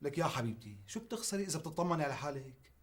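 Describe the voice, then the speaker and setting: An actor playing a protective, insistent older brother in a TV drama. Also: male voice, a little high, big pitch swings, rapid-fire. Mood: coaxing. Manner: coaxing, insistent, rising to shouts. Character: protective young man, pushy and anxious. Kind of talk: TV drama acting.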